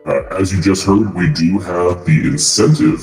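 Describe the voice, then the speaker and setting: Man through a deep pitch-shifting voice changer. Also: moderate pace, darkish tone, reverberant, soft background music, rough recording. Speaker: marathon host. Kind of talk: casual stream commentary.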